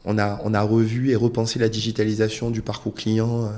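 A man from Côte d'Ivoire, speaking as an entrepreneur guest in a casual interview, explaining in a measured way with many hesitations. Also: on the low side, monotone, warm tone.

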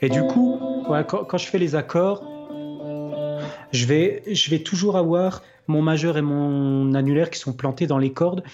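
Guy explaining guitar stuff on a podcast, bit high voice, dull lo-fi sound, soft guitar behind. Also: measured pace. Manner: relaxed, thinking aloud with many hesitations. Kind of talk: casual explanatory chat with playing demos. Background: faint guitar playing.

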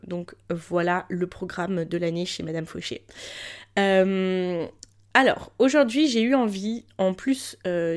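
A woman's voice: medium pitch, a little mellow. A woman hosting a casual solo podcast, speaking informally and motivationally to her listeners, her voice thickened and altered by tonsillitis, as if through swollen tonsils. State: sick with a throat infection. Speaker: podcast host.

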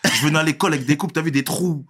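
A young man from Marseille with a Marseille accent, chatting casually in an interview, full of street slang and quick laughs. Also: on the high side, fairly bright tone. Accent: Marseille French. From Marseille, France. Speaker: interviewee, rapper.

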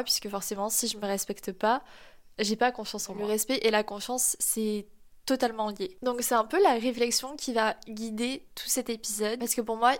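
A woman in her twenties with a nasal voice hosting a solo podcast, talking to listeners in a chatty, informal, self-deprecating way. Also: a little high. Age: 20s. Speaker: podcast host. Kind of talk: casual solo podcast talk addressed to listeners.

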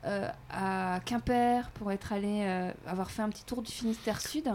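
A woman hosts a casual podcast conversation in a mid-range voice, chatty and quick to react. She speaks naturally and conversationally as she draws her guest out. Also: medium pitch, steady tone, a little mellow, slight background noise. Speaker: podcast host.

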